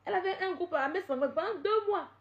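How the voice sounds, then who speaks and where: A woman on a live stream, confrontational and repetitive, swinging from loud outbursts to low scolding. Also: brisk, dull audio. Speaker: social media live streamer. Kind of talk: heated live-stream rant.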